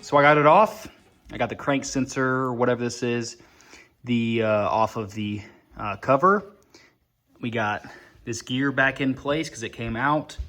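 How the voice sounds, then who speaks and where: A man's voice: medium pitch, measured pace, a bit bright, roomy sound. A man talking casually and plainly, in vlog style, as he explains repair work. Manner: informal, plain-spoken. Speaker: vlogger, hobby motorcycle mechanic.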